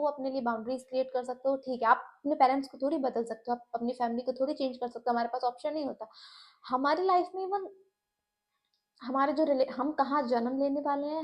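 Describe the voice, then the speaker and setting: A woman's voice: sits high, darkish tone. A young woman talking to camera in a casual, earnest way, often mixing English into her Hindi and using many fillers, and growing heated and emphatic as she goes. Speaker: vlogger.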